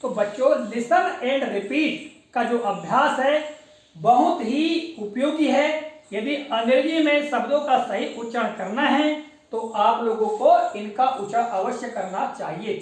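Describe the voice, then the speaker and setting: A woman's voice: a little high, animated, unhurried. A woman teacher giving a classroom spelling lesson, spelling words out letter by letter and quizzing her pupils. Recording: very echoey room, mic far off.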